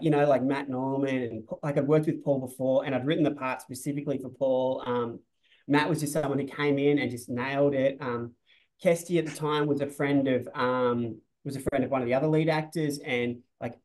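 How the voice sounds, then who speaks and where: A man in his forties chatting over a webcam. He rambles loosely, restarts his sentences and leans on filler words, with a middling pitch. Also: a little mellow, rough recording. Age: 40s. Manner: rambling, restarts often, says "like" a lot. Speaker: film director. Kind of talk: casual interview on a video call. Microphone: video call webcam.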